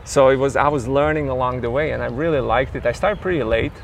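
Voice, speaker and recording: A man's voice: mid-range voice, fast talker, vocal fry, slight background noise. A man from Croatia with a Croatian accent, a tennis coach talking in a casual interview in a thoughtful, rambling way with many fillers.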